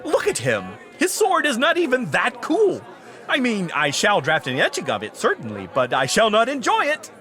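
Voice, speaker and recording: An actor playing a fussy, bookish fantasy scholar in a comic audio drama, speaking in pompous, formal, melodramatic sentences. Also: male voice, high-pitched, wildly swooping pitch, moderate pace, sharp tone, faint music behind, a faint crowd, exaggerated voice. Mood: grudging. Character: fussy, bookish, wounded young-sounding male fantasy scholar, snide.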